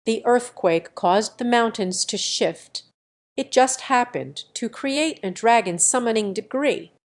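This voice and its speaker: A woman reading the lines of a sly, scolding old male country healer in an audio story, with a gruff, teasing manner. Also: a little high, animated, measured pace.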